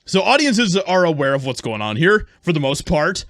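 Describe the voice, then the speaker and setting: A male YouTube commentator with a fairly high, bright voice gives his opinions emphatically, in a scornful, pointed, sing-song way at normal speed. The recording is close and dry, with no room sound.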